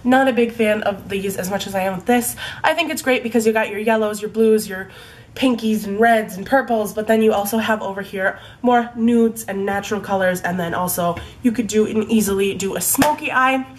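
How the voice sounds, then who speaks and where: In a room at home as the evening light fades, a young beauty vlogger with a cold talks through her favorite products. Her mid-range voice is stuffy and fairly quick, and her chatter is filled with "likes" and "ums."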